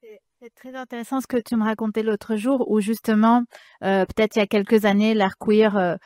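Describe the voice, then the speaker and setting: A woman's voice: a little high, flat delivery, brisk, a little mellow, no echo, studio quality. A woman moderating a panel, speaking off the cuff in a hesitant, thoughtful way. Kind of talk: unscripted panel discussion.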